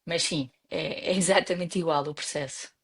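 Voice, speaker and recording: A woman's voice: deep voice, normal speed, breathy edge. A young Portuguese woman with a European Portuguese accent, chatting as an interview guest, often restarting her sentences. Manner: hesitant, many restarts and fillers. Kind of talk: casual interview conversation.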